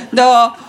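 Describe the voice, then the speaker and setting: A middle-aged woman performs stand-up comedy in a cheeky, playful way, laughing often at her own jokes. Her voice sits a little high for a woman. She comes across lively and outspoken. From Iran. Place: stage before a live audience.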